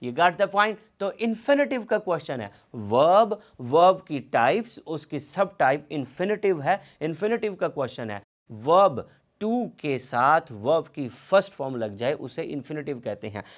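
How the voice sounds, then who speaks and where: A man teaching an exam-prep grammar lecture, often calling his students friends and reading English example sentences out slowly, word by word. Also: a little high, big pitch swings.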